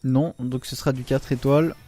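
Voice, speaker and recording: A man giving casual commentary on his game pulls, excitable and groaning aloud whenever the luck turns against him. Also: mid-range voice, brisk. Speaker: gaming YouTuber.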